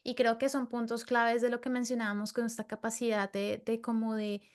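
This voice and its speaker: Woman from Latin America, podcast host, higher-pitched voice, earnest and animated, many fillers. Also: a little fast. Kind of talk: casual interview conversation.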